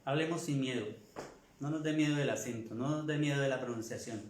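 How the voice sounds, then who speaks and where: A middle-aged man, a native Spanish speaker, giving a French class lecture, repeating his advice slowly and asking rhetorical questions. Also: mid-range voice, echoey room, a little hiss or hum. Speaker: French teacher.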